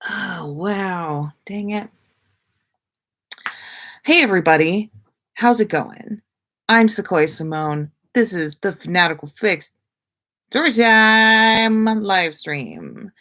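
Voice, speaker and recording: A podcast host runs a casual livestream, reading viewer comments and chatting in an informal, slangy, mildly sweary way. Her mid-range voice is expressive and fairly bright, and she speaks slowly with frequent pauses.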